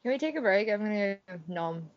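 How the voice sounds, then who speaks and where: A woman's voice: medium pitch, expressive, brisk. A young woman co-hosting a podcast over an online call, playful and laughing often. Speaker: podcast co-host. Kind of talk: casual chat. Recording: dull lo-fi call audio.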